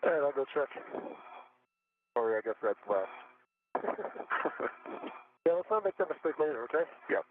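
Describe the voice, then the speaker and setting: A man speaking as an astronaut over helmet radio during a spacewalk, calm and matter-of-fact, in short procedural call-and-response phrases. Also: on the high side, unhurried, pauses often. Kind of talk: clipped procedural radio exchange. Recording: tinny radio link with faint hiss.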